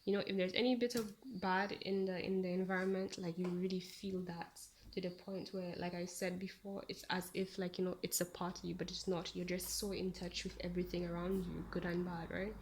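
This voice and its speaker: A woman's voice: on the low side, level tone, a little fast, few pauses, a little hiss or hum. A woman giving a casual tarot reading to her viewers, talking in a chatty, meandering way with frequent ums. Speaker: tarot reader.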